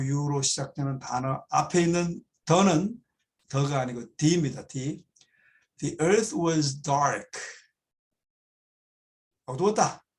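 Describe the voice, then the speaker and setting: A man teaching a Bible study, reading English phrases slowly and explaining them, repeating key words for emphasis. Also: fairly high pitch, creaky. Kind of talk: explaining an English text line by line.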